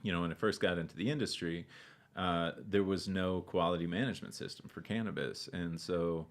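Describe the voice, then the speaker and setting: A man's voice: sits low, steady tone, brisk. A man, a guest on a casual podcast, explaining things at length in a pedantic way with lots of "uh" fillers. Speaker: guest cannabis scientist.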